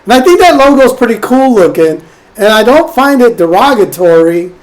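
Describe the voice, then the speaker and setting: A man's voice: very high-pitched, sing-song, normal speed, rough recording. A man co-hosting a podcast, in crude, joking casual banter, laughing often. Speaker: podcast co-host.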